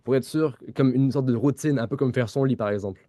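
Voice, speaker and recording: A podcast co-host from Quebec speaks fast in a mellow, medium-pitched voice with a Québécois French accent. The studio-quality audio has no echo, and his relaxed explanations are full of fillers and words he starts over.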